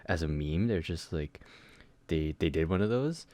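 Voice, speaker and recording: A man's voice: a bass voice, expressive, moderate pace, a little mellow. A young man co-hosting a podcast, chatting casually in a rambling way with lots of fillers and swearing. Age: young adult. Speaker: podcast co-host. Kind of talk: casual chat.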